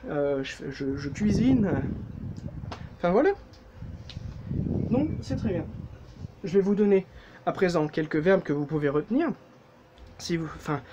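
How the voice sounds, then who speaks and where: High-voiced chatty French man teaching. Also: noisy background. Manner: chatty, jokey, with frequent fillers and self-corrections. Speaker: German teacher. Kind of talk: casual language lesson.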